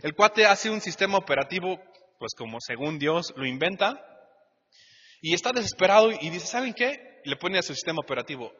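A man with a Mexican Spanish accent preaching a lively, conversational sermon as pastor, asking the congregation rhetorical questions. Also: a little high, a little fast, slightly rough. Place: church hall. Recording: muffled church hall recording with long reverb.

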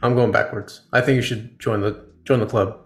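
Speaking at a moderate pace in a lowish voice with fairly even intonation, a man in his forties hosts a relaxed podcast interview. He asks questions in a playful, encouraging way. Faint music and a roomy echo fill the recording.

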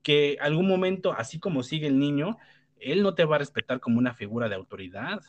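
A panelist with a Mexican Spanish accent gives blunt, rambling opinions in a casual debate, swearing freely, restarting often and tagging points with questions. His voice is a little high, lively and fast, recorded without echo but with the highs cut off.

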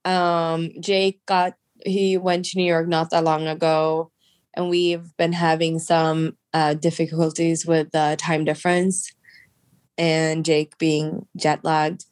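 A woman's voice: low voice, little pitch movement, slow pace, darkish tone, smooth, no echo. A woman with a congested, stuffed-up nose from allergies, co-hosting a casual podcast from home. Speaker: podcast co-host. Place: at home on a couch, recorded over a video call.

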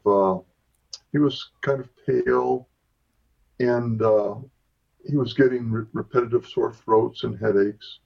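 A man in his sixties from Southern California, retelling a family story in a steady, plain way as an interview guest. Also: medium pitch, gravelly, slightly rough, highs cut off. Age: 60s. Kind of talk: storytelling in a conversation.

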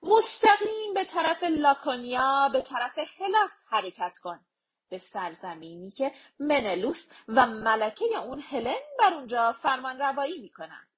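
A woman's voice: high-pitched, expressive, slightly rough. A woman reading the part of a young Trojan prince who delivers a demand as a royal envoy, in a formal storybook manner.

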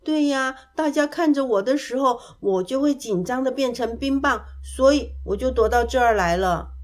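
A woman voicing a bashful but kind little boy who talks eagerly and excitably. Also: high-pitched, normal speed, lightly acted. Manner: eager, excitable, gently shy.

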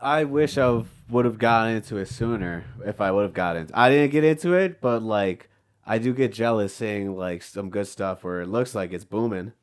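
A man's voice: fairly low pitch, normal speed, clean tone. A man chatting casually as an interview guest, rambling through half-finished thoughts. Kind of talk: casual chat.

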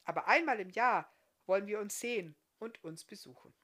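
A woman reading aloud, voicing a kind, ugly circus man with a calm, decided manner. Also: mid-range voice, moderate pace, natural voice.

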